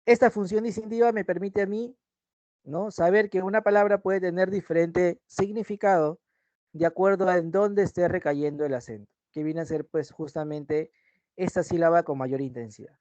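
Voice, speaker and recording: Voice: mid-range voice, fairly even intonation, normal speed, darkish tone, no echo, muffled recording. A teacher giving an online language lesson over a video call, explaining step by step and often checking in with short tag questions.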